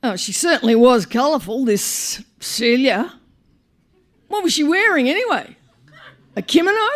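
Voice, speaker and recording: Live on stage at a performance venue, a woman with a high, animated voice reads a short story to an audience. Her narration is wry and comic, marked by dramatic emphasis and deliberate pauses.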